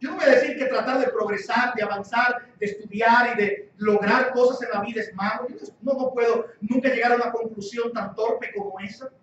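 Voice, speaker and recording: A man with a high voice preaches a sermon, pressing his points and repeating key phrases. He sounds far from the microphone, with heavy echo in a church hall and a dull, muffled tone. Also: fairly even intonation, a little fast, hardly any pauses, fairly bright tone, a little hiss or hum. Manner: emphatic, repeats key phrases, rhetorical questions. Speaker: guest pastor. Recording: echoey church hall, distant dull mic.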